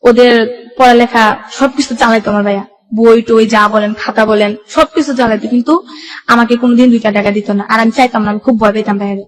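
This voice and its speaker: On a low-quality recording, a young woman tells her life story as a guest in a fairly high, steady, brisk voice. Her Bangladeshi Bengali accent comes through as she runs sentences together casually and relays dialogue.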